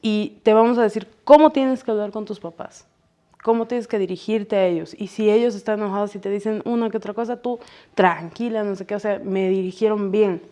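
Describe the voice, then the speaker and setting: A woman in her thirties hosts a relaxed podcast chat. She tells her stories with energy and slips into the voices of the people she quotes. Her pitch sits at an ordinary middle height for a woman. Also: fairly quick. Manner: lively storyteller who acts out quoted speech. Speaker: podcast host. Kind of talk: casual conversation.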